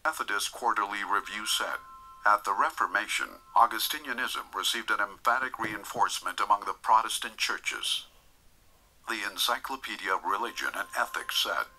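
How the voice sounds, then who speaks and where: Low bright man reading quotes in voice-over. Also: rough recording. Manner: formal, reads citations steadily. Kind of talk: scripted voice-over narration.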